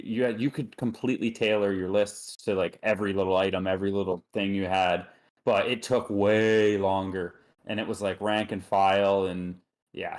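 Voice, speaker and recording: A man with a somewhat low voice chats through a tabletop wargame match beside another commentator. He talks loosely and jokily, leaning on "like" and "you know" as he goes. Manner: chatty, loose, filler-heavy, jokey. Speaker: tournament co-commentator. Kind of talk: casual live game commentary.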